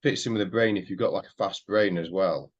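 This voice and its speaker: A man hosting a podcast, talking casually and hesitantly, thinking aloud with many pauses. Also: low-pitched. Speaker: podcast host. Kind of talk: casual conversational interview. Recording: slightly dull lo-fi audio.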